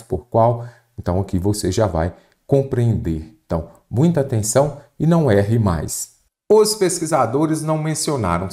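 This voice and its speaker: A low-voiced man, teaching an online exam prep lesson. His pitch swings up and down a lot as he talks. He keeps putting questions to the students and answering them himself. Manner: animated, asks and answers own questions.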